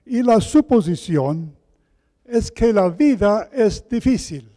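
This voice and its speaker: A man preaching a sermon with a soft, gentle voice, his words ringing out in the heavy echo of a large church. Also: high voice, lively intonation. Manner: slow, deliberate scripture reading. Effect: heavy echo of a large church hall. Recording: long church hall reverb.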